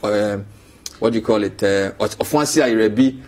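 A man's voice: fairly low pitch, darkish tone, soft background music. A man with a Ghanaian English accent, a political analyst arguing his point on a live TV panel in a studio. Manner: argumentative, lists names quickly. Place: TV studio with city view.

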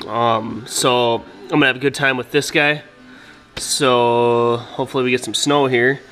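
A man from Minnesota talks slowly and easily through his machine's upgrades, filling his pauses with "uh" and "um." He films it on a head-mounted action camera in an indoor garage workshop. Faint music plays behind him. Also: mid-range voice. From Minnesota, USA. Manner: relaxed and unhurried, many "uh" and "um" fillers. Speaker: snowmobile vlogger. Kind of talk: casual walkthrough of his sled upgrades.

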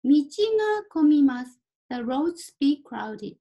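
A woman teaching Japanese, reading vocabulary words one at a time and clearly pronouncing each for learners to repeat. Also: high voice, very animated, dark tone, muffled recording. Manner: clear deliberate word-by-word pronunciation. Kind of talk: slow vocabulary drill lesson.

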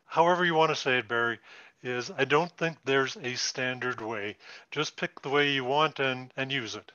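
A man from Canada, a guest on a live stream, explaining ideas in a measured, plainspoken way. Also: mid-range voice, bright, forceful tone, no room sound, muffled recording. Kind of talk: casual interview.

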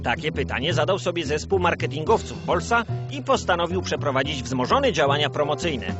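A man's voice: fairly high pitch, expressive, a little fast. A man narrating in the manner of an old communist-era newsreel, grandiose, solemn and rousing in a scripted mock-propaganda style. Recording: dull lo-fi sound under loud music.

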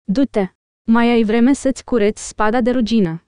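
A woman's voice: on the high side, mellow, smooth, no room sound, clean studio sound, close to an everyday voice. Theoden, a woman reading a stern old king.

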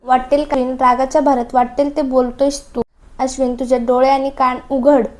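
A woman reading the lines of a stern elder brother who scolds his younger sibling, in her own high voice. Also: little pitch movement, moderate pace, darkish tone, lightly acted. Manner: firm, scolding.

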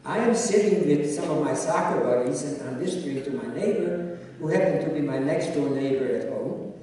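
With lively intonation and a mellow, slightly high voice, an older man from Czechoslovakia whose first language is Hungarian tells his life story on an auditorium stage. As a guest speaker giving personal testimony, he narrates in a measured way and speaks straight to the audience. Slight background noise accompanies the distant, echoey recording, taken from the audience off a handheld mic.

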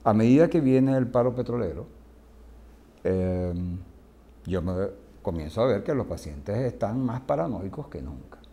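Speaking unhurriedly in a fairly low, expressive and warm voice, a Venezuelan-accented psychiatrist answers an interview question with a story. He's a vivid storyteller who acts out the quoted speech of the people involved.

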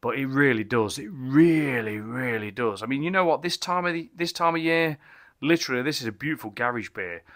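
Fairly quick and a bit bright, this medium-pitched male voice belongs to a middle-aged man doing a laid-back beer review vlog. He talks with excitement, wanders off track, restarts often and exclaims a lot. He's indoors in his small home bar cabin with shelves of bottles.

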